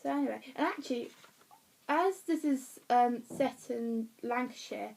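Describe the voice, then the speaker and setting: Woman, slightly high voice, rambling home vlog chat full of ums and restarts. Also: a little slow, gravelly, a little mellow, slight background noise, rough recording. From Essex, England. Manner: rambling, many fillers and restarts, laughs at herself. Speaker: vlogger reviewing a play. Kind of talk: casual chatty review. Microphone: phone or webcam.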